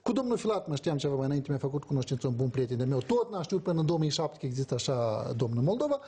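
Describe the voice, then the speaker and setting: A man's voice: mid-range voice, sing-song, warm tone, breathy edge. A man, a politician guest on a TV talk show, talking emphatically and animatedly and acting out quoted exchanges. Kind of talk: emphatic studio debate. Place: TV studio.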